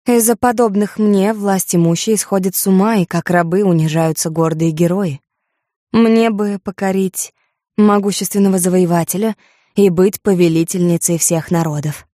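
A woman voicing a proud young beauty, delivered in shrill, impassioned bursts. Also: normal speed, dark tone, no echo, studio quality, close to an everyday voice. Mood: haughty.

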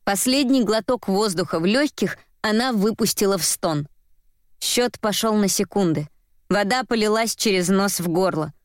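A woman's voice: medium pitch, normal speed, no room sound. Woman narrating an audiobook, dry sound. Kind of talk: scripted narration.

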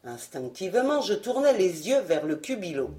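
A woman narrating a novel in an expressive, dramatic audiobook reading. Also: fairly low pitch, moderate pace. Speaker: audiobook reader. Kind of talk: scripted narration.

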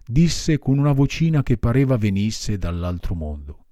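A man's voice: medium pitch, big pitch swings, normal speed, mellow, no echo, clean studio sound. A man reading a classic children's story aloud with dramatic, varied delivery. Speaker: audiobook reader. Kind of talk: expressive storybook narration.

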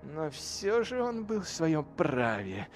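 A grim chaos warrior broods over his arrogant lord in a low, inward mutter, as an audiobook narrator voices his thoughts. The delivery is slow, and faint music plays underneath. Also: very animated. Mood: brooding.

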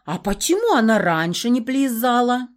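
A woman reading an audiobook, voicing a small excited boy who lisps and squeals. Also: moderate pace. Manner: squealing, lisping, high. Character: small excited boy, lisping little child. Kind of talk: audiobook character voice.

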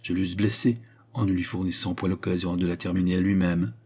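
A man's voice: low voice, steady tone, brisk, dark tone, slightly rough. A man reading an audiobook, voicing a scheming noblewoman who answers with feigned humility. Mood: feigned meekness. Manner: guarded, falsely meek.

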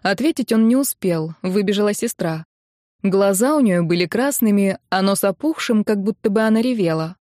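A woman narrates a first-person novel in a steady storytelling voice. The recording is close and dry, with no room sound. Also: medium pitch, moderate pace, no echo. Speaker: audiobook narrator.

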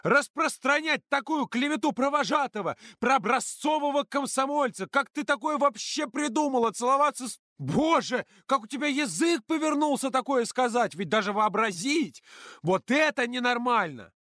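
A man voicing a stern, dutiful young woman camp counselor who scolds and then turns shrill with outrage in an audiobook. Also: expressive, normal speed, no echo, clean studio sound. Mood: outraged. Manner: reproachful, rising to shrill outrage.

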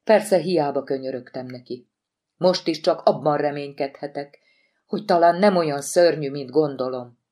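A woman's voice: low-pitched, warm tone. A woman reading anxious middle-aged woman boss. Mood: worried. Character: tense middle-aged woman, institute chief.

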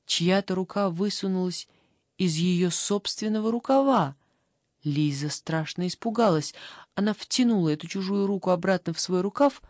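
A woman's voice: on the low side, normal speed, darkish tone, no echo. Woman narrating a fairy tale, dry. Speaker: audiobook reader. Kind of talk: scripted narration.

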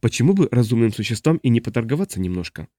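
A man's voice: medium pitch, sing-song, fast talker, mellow, no room sound, close to an everyday voice. Sly straw-mouthed creature, hissing, fawning, rustling, read by a man, dry sound. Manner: hissing, wheedling.

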